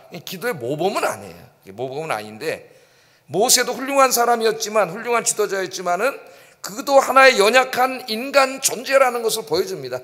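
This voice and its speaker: Male pastor, high-pitched, lively sermon delivery, long church reverb. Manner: animated, acts out prayers and rhetorical questions. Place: church sanctuary.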